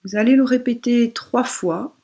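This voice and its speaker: In a slightly high, soft and breathy voice, a female yoga instructor takes listeners through a relaxation meditation. Her instructions are soothing and unhurried, broken up by pauses.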